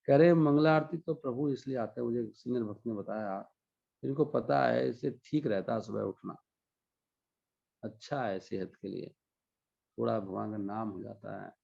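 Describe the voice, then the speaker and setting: A man with a gravelly, fry-laden voice gives a spiritual discourse, explaining scripture and drawing out Sanskrit verses. The recording sounds dull and lo-fi. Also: mid-range voice, normal speed, mellow. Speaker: spiritual teacher. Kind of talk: devotional discourse.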